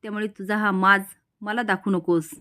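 A woman's voice: mid-range voice, fairly even intonation, normal speed, bright, forceful tone, natural voice. Charu, a woman reading a cruel, possessive young woman. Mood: threatening. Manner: threatening, boastful.

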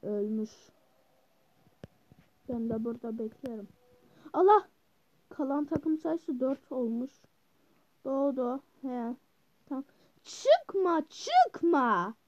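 Gamer woman, high voice, yells at the screen then grumbles, dull home-mic sound. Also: takes it slowly, long pauses, no echo. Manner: excitable, yells at the game, then mutters complaints. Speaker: gaming channel host. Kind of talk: live gameplay commentary.

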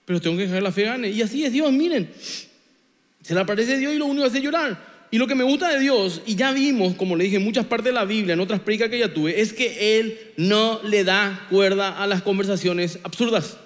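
A man's voice: sits high, fairly quick, in a large hall. A man preaching a sermon as pastor, with a Paraguayan Spanish accent, acting out whiny complaints and God's blunt replies. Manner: theatrical, acts out whining characters and God's replies. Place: church sanctuary.

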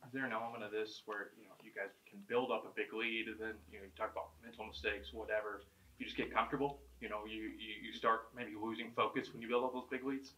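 A male reporter fires off rambling, rephrased questions at a press conference. He talks fast with a bright, forward tone. He sits off-mic in the room, so he sounds distant, with faint noise behind him. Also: fairly low pitch, steady tone.

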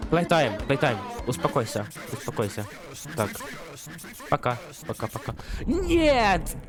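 A man giving excited gameplay commentary, breaking into panicky yelps and repeated outbursts. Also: medium pitch, normal speed. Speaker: let's play gamer. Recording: game music loud under voice. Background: game music.

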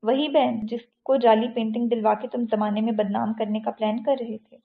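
A woman's voice: on the high side, steady tone, vocal fry. A woman voicing a powerful, angry middle-aged male tycoon who speaks in a commanding, stern way. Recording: tinny phone-like audio.

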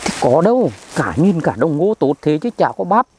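Performer doing an old village man, boastful, dim-witted, lively swooping pitch, comic skit. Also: noisy background. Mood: boasting. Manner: blustering, defensive, slow.

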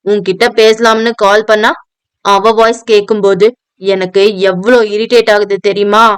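A woman's voice: medium pitch, steady tone, moderate pace, smooth, no room sound, lightly acted. A woman voicing a drunk, arrogant young man who is possessive and self-pitying, in an audio novel. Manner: slurred, bossy, self-pitying. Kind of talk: audio novel dialogue reading.

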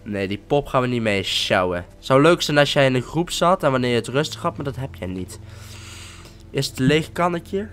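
A man giving casual commentary while playing a game, excitable and often swearing or exclaiming. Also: medium pitch, moderate pace, a little hiss or hum. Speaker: let's-play gamer.

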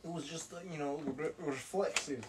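A man's voice: a little high, moderate pace. Mumbling, defensive young man. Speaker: friend being confronted. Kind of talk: comedy sketch. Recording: distant mic with faint hiss.

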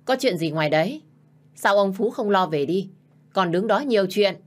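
A woman's voice: medium pitch, lively intonation, normal speed, close to an everyday voice. A woman voicing a stern older stepmother who scolds sharply. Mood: scolding.

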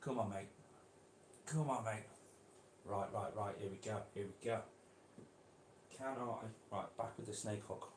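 A man keeping reptiles, chatting casually to viewers while gently coaxing and handling a snake indoors. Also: on the low side, unhurried, pauses often, reverberant, a little hiss or hum. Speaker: reptile keeper vlogger. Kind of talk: casual vlog. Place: indoor room.

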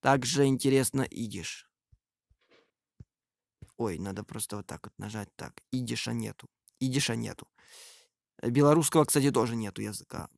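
Creaky-voiced man commenting casually. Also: mid-range voice, moderate pace, long pauses, dry recording, clean studio sound. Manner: hesitant, improvised, thinking aloud. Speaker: video creator. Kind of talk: casual screen-recording commentary.

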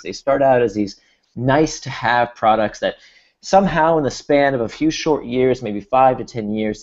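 This workshop presenter, born in Israel but speaking with an American accent, has a mid-range voice with a darkish tone. He talks through his material steadily over a video call, backing up to repeat words as he restarts. Sound quality is dull and lo-fi.

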